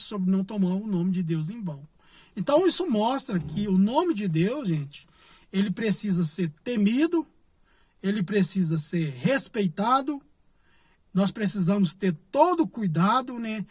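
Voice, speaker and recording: Man, high voice, Bible study lesson, patient explaining, dry close sound. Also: darkish tone, dry recording. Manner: explains slowly, repeats points, asks and answers his own questions. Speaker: Bible teacher.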